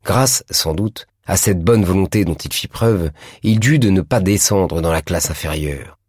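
A man narrating a classic novel in a measured, deliberate reading. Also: sits low, darkish tone, breathy edge, dry recording, studio quality. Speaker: audiobook narrator.

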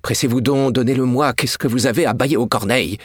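A man's voice: mid-range voice, fast, slightly rough, no room sound, studio quality, pitched above the performer's own voice, close to an everyday voice. A man reading a storybook, voicing an imperious wealthy widow who scolds her young maid. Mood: impatient. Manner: scolding, sharp and condescending. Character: haughty wealthy woman in mourning, imperious.

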